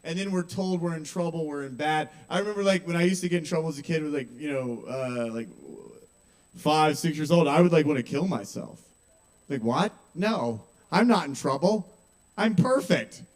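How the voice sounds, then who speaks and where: A man's voice: on the high side, fairly quick, darkish tone. A young man doing stand-up comedy at an open mic, talking casually, swearing and checking in with the audience. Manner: conversational, asks the audience questions, swears. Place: small kava bar with live audience.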